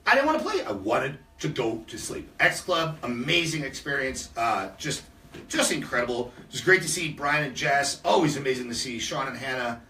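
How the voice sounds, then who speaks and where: A man's voice: medium pitch, moderate pace, bright, forceful tone, roomy sound, distant mic. A man co-hosting a live radio show in a studio, upbeat and plugging upcoming events. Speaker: radio co-host.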